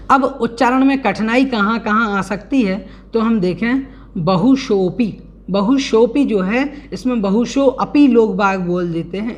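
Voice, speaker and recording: A man teaching a religious scripture class online, explaining verse by verse, chanting the lines and carefully correcting their pronunciation. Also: high voice. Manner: deliberate, spells out pronunciation and chants verses slowly.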